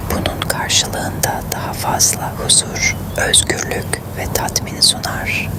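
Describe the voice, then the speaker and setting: A narrator reading a script in a hushed, breathy ASMR whisper, quiet as if late at night.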